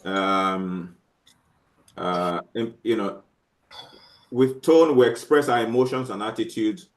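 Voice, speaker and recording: A male teacher lecturing a class, talking haltingly with many restarts and fillers and checking often that students understand. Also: fairly low pitch.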